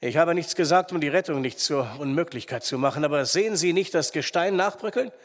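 A man voicing a calm, decisive male investigator who explains firmly, in reverberant sound. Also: on the high side, a little fast, lightly acted.

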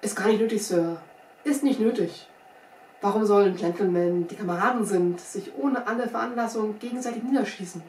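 Woman voicing a pompous army captain, indignant, stammers when caught off guard, high and loud, echoey, far from mic. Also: brisk, natural voice. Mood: placating. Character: pompous, easily flustered male army captain. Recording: roomy sound from a distant mic, faint hiss.

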